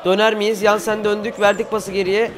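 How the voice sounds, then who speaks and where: Young man, Turkish accent, high-pitched, excitable football gameplay commentary, faint background noise. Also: fairly quick. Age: teens. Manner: cheers players on, groans and shouts at misses. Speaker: gaming YouTuber.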